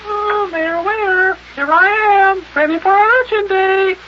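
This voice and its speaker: Man as a very high-pitched coy widow, noisy recording. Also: fairly even intonation, slow pace. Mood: eager. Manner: cooing, insistent. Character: coy, pushy, lovestruck widow woman. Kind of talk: old-time radio comedy acting. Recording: dull, noisy old radio recording.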